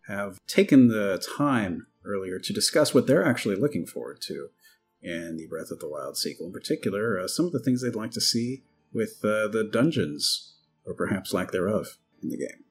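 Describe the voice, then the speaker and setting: A man's voice: fairly low pitch, expressive, normal speed, faint music behind. A man hosting a podcast in a casual, conversational style. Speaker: podcast host.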